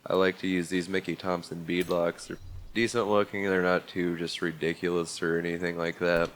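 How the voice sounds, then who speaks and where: A deep-voiced man with little pitch movement hosts a racing game video, casually working through a vehicle build at a moderate pace while clearly congested from a bad cold. His walkthrough is relaxed and methodical with fillers, and the audio has a slight hiss or hum.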